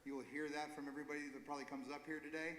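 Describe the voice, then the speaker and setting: A man's voice: on the high side, little pitch movement, a bit bright. Earnest man speaking in an echoey church. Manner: earnest, halting, self-correcting. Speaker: recovery ministry leader. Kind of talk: informal church talk. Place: church sanctuary. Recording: echoey hall with long reverb.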